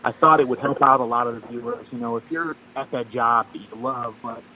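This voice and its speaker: Man, phone caller on speaker, distant phone line, bright voice, faint room noise. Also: medium pitch, fairly even intonation, fairly quick. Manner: upbeat, gives step-by-step tips. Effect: heard over a phone line on speaker. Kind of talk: casual advice chat.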